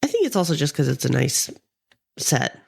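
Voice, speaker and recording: A woman co-hosts a casual film-recap podcast, chiming in with quick agreements and laughs. Her voice is very low with a gravelly fry, and it swings widely in pitch. The chatter of a crowd is clearly audible behind her. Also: very animated. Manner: chimes in with short agreements and laughs. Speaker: podcast co-host.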